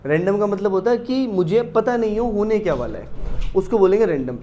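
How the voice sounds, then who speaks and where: A man with an Indian accent teaching a maths lesson. He explains step by step, reads English definitions slowly and keeps asking his students if it is clear. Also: sits high, lively intonation, warm tone, slight background noise. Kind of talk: classroom lecture mixing Hindi and English.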